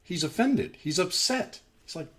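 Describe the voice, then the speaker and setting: An unhurried, high-pitched man leads his daily scripture stream, walking through a parable in a lively, conversational way. Fillers like "you know" come up often throughout the Bible study.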